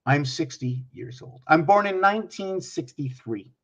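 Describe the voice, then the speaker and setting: A man's voice: a little high, expressive, a little slow. A man in his sixties giving a rambling explanatory monologue, working through sums aloud, pointing at objects and putting questions to the viewer. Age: 60s. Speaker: numerology speaker. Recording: dull lo-fi recording.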